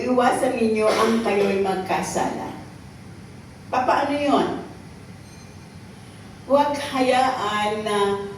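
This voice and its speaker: A woman's voice: fairly high pitch, slight background noise. A Filipino woman preaching a sermon, often checking in with the congregation by asking "okay?" and "right?". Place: church hall. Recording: echoey hall recorded from far off.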